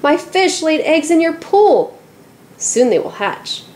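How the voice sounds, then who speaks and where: A woman voicing a spirited seven-year-old girl in a storybook reading, exclaiming and stamping with excitement. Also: high voice, slow pace, pitched above the performer's own voice, full character voice. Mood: eager.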